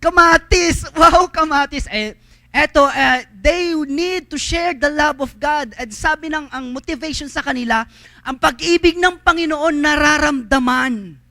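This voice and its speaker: A man preaches at a church service in a very high, bright voice, moving between loud calls to the congregation and soft storytelling. He mixes English phrases into his Tagalog. The sound is dry and close, with little room echo. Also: measured pace. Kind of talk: sermon.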